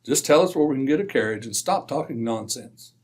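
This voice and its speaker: A man playing a proper, easily flustered British gentleman doctor, blustery and polite, in an old-time radio drama. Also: medium pitch, expressive, a little fast, close to an everyday voice. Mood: indignant. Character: indignant, easily flustered gentleman doctor, detective's loyal companion.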